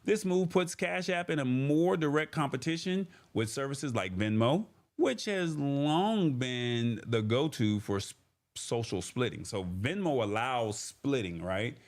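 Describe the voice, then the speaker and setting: A man hosts a tech livestream, reading comments and news to his viewers in a casual, folksy, chatty way. He has a mid-range voice, animated yet unhurried.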